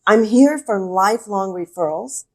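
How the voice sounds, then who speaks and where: Guesting on a business podcast, a woman who is a regional director from El Paso, Texas, chats in a mid-range voice at normal speed with lively intonation. The interview is conversational, and she's enthusiastic and emphatic, repeating key words often.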